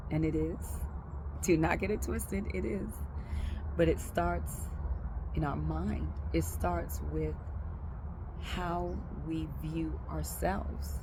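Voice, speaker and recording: A woman giving a reflective religious talk, speaking thoughtfully and pausing often with filler sounds. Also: sits low, vocal fry, noisy background. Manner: slow, thoughtful, pausing with frequent ums.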